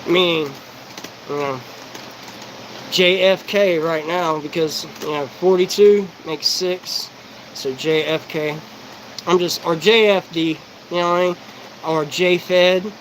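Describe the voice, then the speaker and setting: A man in his forties delivers a disjointed live-stream monologue, swearing freely as he jumps from thought to thought. His voice sits high for a man, and he talks in quick, tumbling bursts. A faint hiss of noise runs underneath. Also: fairly bright tone, rough recording. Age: 40s. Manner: rapid, profane, rambling and disjointed. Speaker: livestreamer.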